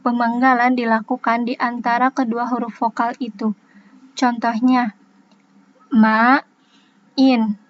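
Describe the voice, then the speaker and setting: A woman's voice: a little high, muffled recording. A young woman student reading a class presentation, spelling out letters and examples one by one. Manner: reads examples slowly, letter by letter.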